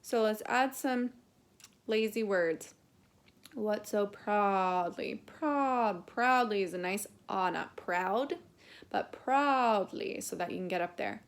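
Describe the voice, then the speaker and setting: A woman's voice: medium pitch, unhurried, creaky. A woman teaching a singing lesson, coaching patiently and singing short phrases as examples. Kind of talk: vocal lesson with sung demonstrations.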